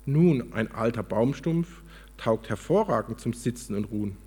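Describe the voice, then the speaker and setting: A man with a slightly husky voice voicing a gentle, giving apple tree, speaking tenderly and apologetically. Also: medium pitch, lively intonation, normal speed.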